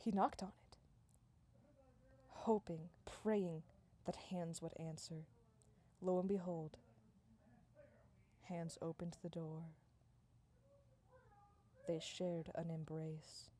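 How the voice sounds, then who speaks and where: A woman telling an improvised comic story in a deadpan, run-on way, stringing events together and sometimes dropping to a hush. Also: lowish voice, slow pace, long pauses. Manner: deadpan, run-on "and then" narration, dropping to hushed tones.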